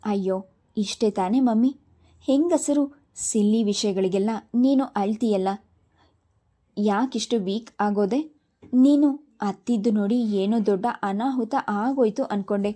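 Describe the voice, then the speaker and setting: Woman reading as a self-absorbed young daughter from a storybook, impatient and dismissive, in a warm, dark voice. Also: medium pitch, measured pace, long pauses, close to an everyday voice.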